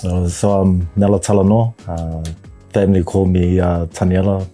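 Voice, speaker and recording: Husky, low-voiced New man. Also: fairly even intonation, mellow, soft background music. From New Zealand, raised partly in Tonga. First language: Tongan. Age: 40s. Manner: hesitant, reflective, many pauses and fillers. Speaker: podcast guest. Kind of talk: casual interview chat.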